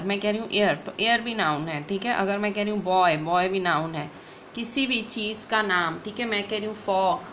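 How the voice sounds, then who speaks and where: A woman teaching an online grammar class, explaining slowly, restating points and checking in with "okay" after each one. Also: mid-range voice, bright, forceful tone, slight background noise.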